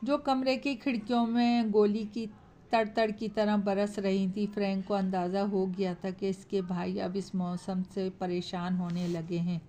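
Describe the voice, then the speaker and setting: Woman narrating a horror story, even and mellow. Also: mid-range voice, unhurried.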